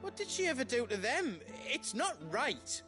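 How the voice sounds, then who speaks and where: A woman's voice: sits high, sing-song, normal speed, over music. A woman playing an earnest, naive and loyal youngster in a fantasy drama, innocent and headstrong in manner. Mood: innocent, indignant. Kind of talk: scripted fantasy drama acting.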